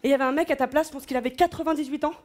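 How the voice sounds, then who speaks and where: A woman's voice: high voice, fairly even intonation, racing, darkish tone. A woman doing stand-up comedy on a large stage, brash and teasing the audience. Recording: live show with music and crowd. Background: music and audience laughter.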